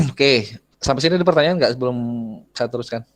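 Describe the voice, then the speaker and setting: Chatty male teacher quizzing his class. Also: mid-range voice. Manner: chatty, asks students questions, clears throat often. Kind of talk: online class lecture.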